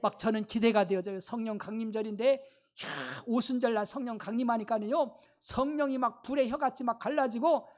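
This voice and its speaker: A woman pastor giving an emphatic, exclamatory Sunday sermon with many fillers, then praying in soft, low tones. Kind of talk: fervent Sunday sermon and prayer.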